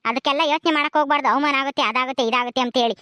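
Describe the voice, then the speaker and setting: A woman voicing an elderly village woman who scolds and consoles in drawn-out rural speech, in a village drama. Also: sits high, steady tone, pushed and bright, no echo. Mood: firm coaxing.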